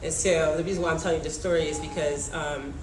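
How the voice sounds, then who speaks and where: A woman's voice: low-pitched, steady tone, fast talker. A young woman from Haiti, whose first language is Haitian Creole, telling personal stories to a panel audience in a chatty way, with many ums and small laughs. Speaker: panel speaker. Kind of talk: personal talk at a public forum. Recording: echoey room with background noise.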